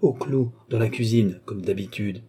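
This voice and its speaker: Brief: narrator playing a fretful older thinker, nervous and cautious, dark husky tone. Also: male voice, fairly low pitch, moderate pace. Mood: anxious. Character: anxious aging male philosopher, nervous and fretful. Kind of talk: audiobook reading.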